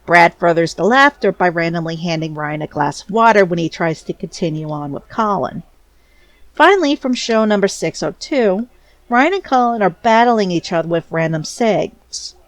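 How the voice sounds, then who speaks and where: Woman narrator, lively and animated intonation, enthusiastic fan commentary, dry close voice-over. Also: on the low side, normal speed, no echo. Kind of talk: scripted narration.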